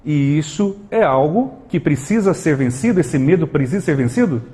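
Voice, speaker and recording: A Brazilian man speaks to a live audience in a motivational talk, with a fairly high voice for a man. He keeps throwing rhetorical questions at the room and acts out small everyday scenes with lively energy. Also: normal speed. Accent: Brazilian Portuguese.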